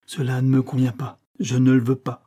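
A man's voice: medium pitch, monotone, normal speed, natural voice. A man reading aloud and voicing an old husband who stammers and pleads in desperation. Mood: angry. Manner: stammering, pleading, rising to loud outbursts.

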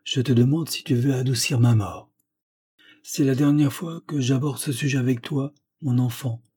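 A frail old grandfather, pious and tender, pleading with soft earnestness, as a male reader voices him. The voice is dark and mellow with a husky edge, in a storybook reading. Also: mid-range voice, moderate pace, lightly acted.

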